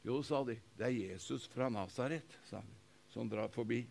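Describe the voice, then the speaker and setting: A man preaching a fervent sermon as pastor, repeating phrases and calling for responses from the congregation, moving between loud proclamation and quiet storytelling. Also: mid-range voice, creaky, a little hiss or hum.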